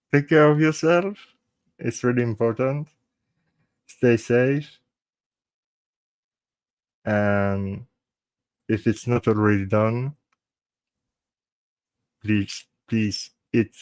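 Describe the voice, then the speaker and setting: Signing off a live true crime stream, a Belgian man with a French-speaking accent talks in a darkish voice on the low side, with no room sound. A native French speaker, he is halting and earnest, restarting often and switching into French.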